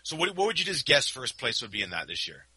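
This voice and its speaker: A man's voice: medium pitch, huge pitch swings, fast talker, bright, forceful tone, low-quality recording. A man co-hosting a casual podcast chat, chatty and prodding with questions. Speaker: podcast co-host.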